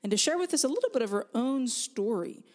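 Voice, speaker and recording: A woman's voice: a little high, lively intonation, fast talker, darkish tone. A woman hosting a podcast, introducing her guest and asking questions in an upbeat, conversational way. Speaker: podcast host.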